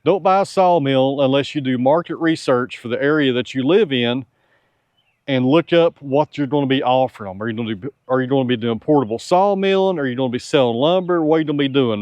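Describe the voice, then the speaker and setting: A man's voice: medium pitch, a little fast, darkish tone, no echo. Man, tired, folksy and frank, dry sound, outdoors. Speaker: sawmill owner and channel host. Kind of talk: casual Q&A with viewers. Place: outdoors on a farm.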